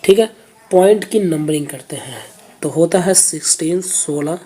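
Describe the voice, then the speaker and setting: A woman teacher works through reasoning questions step by step, repeating each answer patiently. Her voice sits a little low and dark, with a breathy, husky edge. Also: normal speed. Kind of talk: explaining exam questions step by step.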